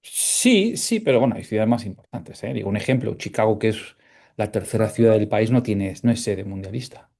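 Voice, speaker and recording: A Canadian sports journalist appears as a seminar guest, speaking conversationally in a fairly low, dark voice with vocal fry. He's animated and a little fast, yet hesitant, full of fillers, restarts, and tag questions.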